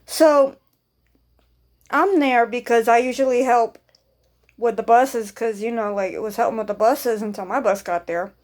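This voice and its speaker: A woman's voice: a little high, normal speed, a little mellow. Rambling young woman telling a story. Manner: rambling, repetitive, swears casually. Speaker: vlogger. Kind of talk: casual storytime.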